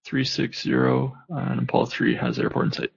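Very gravelly male pilot on air traffic radio. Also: flat delivery, normal speed. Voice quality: gravelly, husky. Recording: muffled low-fidelity radio audio.

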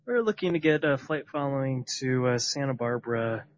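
A man calling air traffic control as a pilot over the radio, in quick, clipped phrases with fillers. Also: medium pitch. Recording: dull lo-fi radio audio.

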